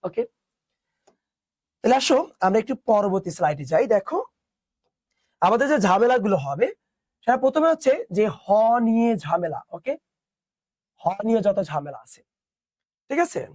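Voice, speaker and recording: A man's voice: sits high, sing-song, moderate pace, pauses often, darkish tone, no room sound, studio quality. A young man teaching an online class, explaining step by step and asking his students questions.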